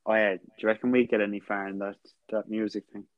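A man's voice: lowish voice, flat delivery, fast, dry recording, narrow, tinny audio. A young man co-hosting a podcast, joking and rambling with friends. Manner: joking, rambling, self-mocking. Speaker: podcast co-host. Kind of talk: casual chat.

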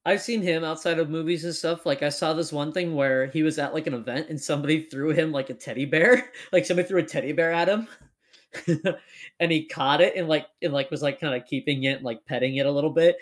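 A man's voice: fairly high pitch, fairly even intonation, brisk. A young man hosting a casual chat, rambling with lots of fillers. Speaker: podcast host.

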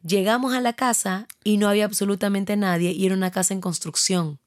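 A woman, co-hosting a casual chat and telling a story with lively acted-out dialogue. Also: medium pitch, fast talker, no room sound, clean studio sound. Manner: animated storyteller acting out quoted dialogue. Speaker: podcast co-host.

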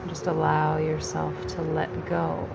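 A woman guiding a yoga nidra relaxation in a calm, soothing, gentle manner with long pauses between phrases. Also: sits low, vocal fry, very noisy. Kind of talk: guided relaxation meditation.

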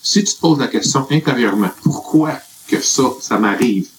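A man's voice: medium pitch, expressive, moderate pace, a little hiss or hum, rough recording. A man with a Quebec French accent, earnestly giving rambling life advice in a casual group chat. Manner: earnest, rambling with many fillers.

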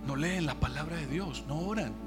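A man's voice: on the high side, normal speed, music in the background. A man preaching a sermon to his congregation, emphatic, drawing out key words and posing rhetorical questions.

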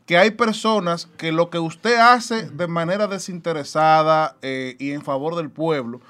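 A man on a debate panel, calmly explaining and trying to mediate. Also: a little high, unhurried.

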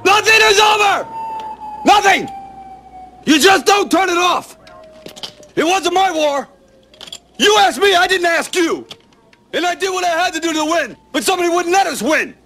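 An actor playing a war veteran soldier breaking down in a dramatic film monologue, shouting with a cracking voice. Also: male voice, extremely high pitch, expressive, unhurried, pauses often, faint music behind, exaggerated voice. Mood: anguished.

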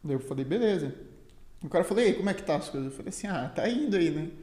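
A man's voice: on the high side, lively intonation, very fast, mellow. A Brazilian man telling a story in casual, slangy chat as a guest, peppering his talk with filler words. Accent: Brazilian Portuguese. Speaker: guest, Muay Thai fighter and teacher. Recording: roomy, echoey sound.

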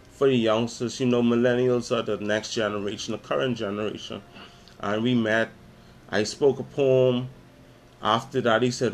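A man in his twenties with a Bahamian accent, hosting his own podcast, talking about faith and reciting spoken word poetry with dramatic intensity. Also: medium pitch. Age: 20s. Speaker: podcast host.

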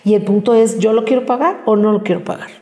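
A woman's voice: mid-range voice, steady tone, fast, dark tone. A woman, a therapist co-hosting a casual podcast, chatting and acting out quoted voices. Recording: roomy studio with long reverb.

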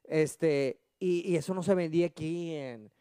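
A man with a northern Mexican Spanish accent banters with his friend. His voice sits high, and he keeps the slang and teasing going. The recording is close and dry. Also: measured pace, warm tone, clean tone, no echo. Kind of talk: casual chat.

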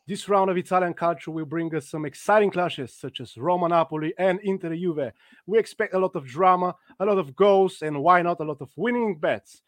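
Guy hosting a betting show stream, upbeat, slightly high voice, dry close mic. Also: a little fast, no echo. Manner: upbeat, scripted presenter delivery. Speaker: host.

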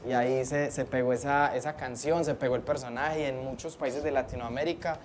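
A man's voice: mid-range voice, steady tone, a little fast, crowd noise. A Colombian comedian, a man, talking as a guest in a laid-back, joking interview chat.

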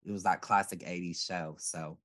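A man with a very low voice, chatting casually with friends. He talks in a loose, rambling, reflective way, full of fillers. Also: steady tone, normal speed, fairly bright tone. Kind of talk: casual chat.

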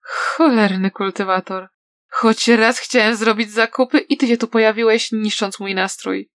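A woman's voice: fairly even intonation, measured pace, no room sound. Woman doing a sly, taunting young villain. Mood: annoyed. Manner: soft, low, taunting. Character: mocking young villain man, sly and cruel.

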